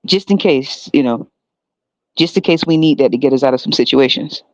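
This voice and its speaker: A man's voice: medium pitch, fairly quick, a little mellow, no room sound. A man hosting a solo podcast, talking in a heavily sarcastic, mocking way and often laughing. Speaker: podcast host. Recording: dull lo-fi dry recording.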